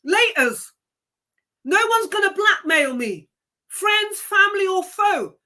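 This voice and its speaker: A woman's voice: very high voice, expressive, measured pace, bright, forceful tone. A woman with a Jamaican accent hosting a live stream, giving an emphatic, preachy motivational talk and repeating key words.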